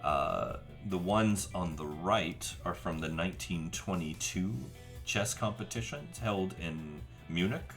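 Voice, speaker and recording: A man voicing a suave, well-groomed male collector who speaks in a smooth, courteous, unhurried way, over faint music. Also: deep voice, fairly bright tone. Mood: polite, gracious. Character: suave, polished middle-aged male collector.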